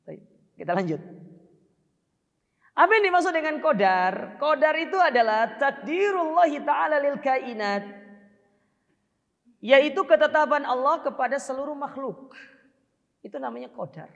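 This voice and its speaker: A man gives a religious study lecture, his gravelly voice ringing with long reverb through a hall. He teaches in a relaxed, joking, conversational way. The recording sounds dull and muffled. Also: very high voice, normal speed, pauses often. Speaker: Islamic preacher.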